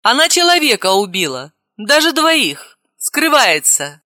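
A woman's voice: fairly high pitch, sing-song, unhurried, sharp tone, dry recording, studio quality, voice pushed up, full character voice. A woman reading an audiobook, voicing a stern woman in her thirties who scolds her young nephew. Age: 30s.

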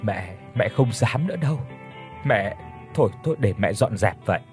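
A man voicing a frail, timid old mother in an audiobook, speaking softly and pleading. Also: on the low side, expressive, normal speed, faint music behind, close to an everyday voice. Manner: soft, trembling, pleading.

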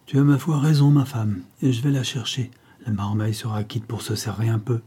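A man reading the part of a tall, thin, shifty male trader who talks gruffly and in a hurry. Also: medium pitch, fairly even intonation, a little fast, mellow, lightly acted. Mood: scheming.

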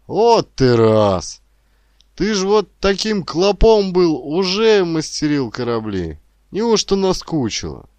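A male reader voicing a stern old shipyard worker who talks gruffly and emphatically. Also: medium pitch, expressive, slow pace, no echo, voice pushed up. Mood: reproachful. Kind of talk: audiobook character reading.

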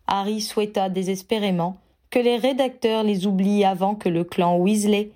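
A woman narrating a story in a plain, steady reading voice. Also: mid-range voice, normal speed. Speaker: reader.

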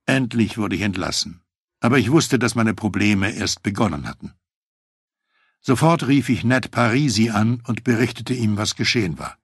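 A man reading a first-person memoir aloud, telling the story in a measured, reflective way. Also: on the low side, animated, breathy edge, dry recording, clean studio sound. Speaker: audiobook narrator.

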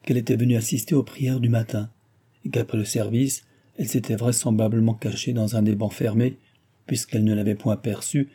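A man reading a classic novel aloud in a steady, measured narration. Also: medium pitch, husky. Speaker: audiobook reader.

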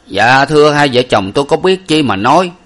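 A man voicing a humble male servant who speaks politely and deferentially, slightly raised in pitch. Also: expressive, brisk, fairly bright tone.

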